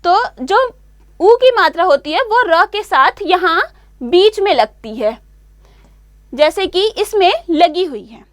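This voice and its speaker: A woman teaching a grammar lesson for children, slowly and carefully spelling out each sound and repeating the points. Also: very high voice, expressive, dry recording, clean studio sound.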